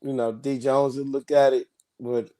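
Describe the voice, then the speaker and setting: A man's voice: medium pitch, flat delivery, normal speed, dark tone. A man the others call Coach, giving his pick in a casual sports chat in an easygoing, joking way. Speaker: podcast co-host called Coach.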